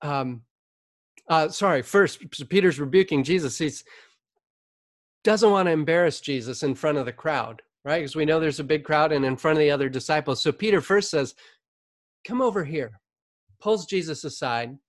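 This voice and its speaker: A man's voice: fairly high pitch, moderate pace, no room sound, clean studio sound. A male pastor giving a sermon as conversational storytelling, often checking in with "right?".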